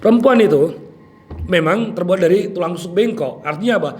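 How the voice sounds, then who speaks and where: A man preaching a religious study session, lively and joking, often addressing his listeners directly. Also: high voice, brisk. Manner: lively, jokey, keeps addressing listeners with "Pak". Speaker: Islamic preacher. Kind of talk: sermon.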